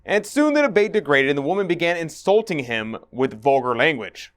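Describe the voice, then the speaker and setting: A man's voice: on the high side, big pitch swings, a little fast, slight background noise. A man hosting and narrating in an earnest, preachy scripted manner. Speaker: host.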